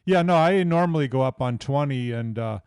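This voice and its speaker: An American man works as an amateur radio operator, talking casually between calls. His mid-range voice is crisp and resonant, recorded close and dry. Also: mid-range voice, animated, fairly quick, darkish tone, no room sound. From Iowa, United States. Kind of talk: casual ham radio exchange.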